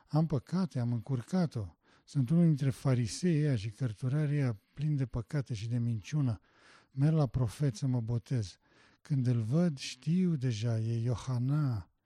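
Male preacher, dark warm voice, passionate emphatic delivery, dry recording. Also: mid-range voice, dry recording. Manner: emphatic, rising to loud passionate stress; rhetorical questions. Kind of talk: sermon.

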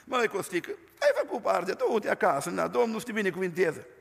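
An older man preaching a storytelling sermon, stressing his words by slowing down. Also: sits high, very animated, vocal fry, husky. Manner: emphatic, slows words for stress. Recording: long reverb of a large hall.

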